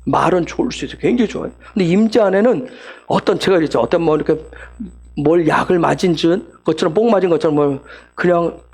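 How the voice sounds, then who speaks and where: A man's voice: fairly high pitch, quick pace, a little mellow. A man preaching a sermon, teaching with lots of rhetorical questions and acting out the prayers and replies he quotes.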